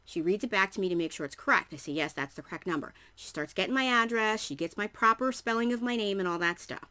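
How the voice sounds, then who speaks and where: A woman's voice: mid-range voice, animated, fast talker, pushed and bright, clean tone. A woman book vlogger telling a rambling, chatty story to her viewers and acting out her own reactions. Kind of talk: casual storytelling to camera.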